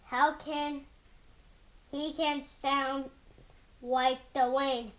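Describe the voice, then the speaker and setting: High-voiced woman slowly reading a picture book. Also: flat delivery, a bit bright. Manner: slow, careful reading with sound imitations. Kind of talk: children's book read-aloud.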